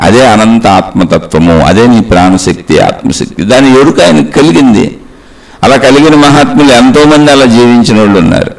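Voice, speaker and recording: A man's voice: medium pitch, creaky, poor audio. A middle-aged man giving a spiritual discourse, speaking in an emphatic, rhetorical way and putting question after question to his listeners. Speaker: spiritual teacher.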